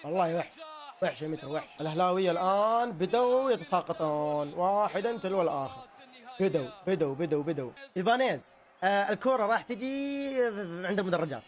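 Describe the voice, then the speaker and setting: Excitable high-voiced Saudi man. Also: fast talker. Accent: Saudi Arabic. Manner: excitable, shouting and laughing, mock outrage. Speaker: comedic match commentator. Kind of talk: comedic live reaction commentary.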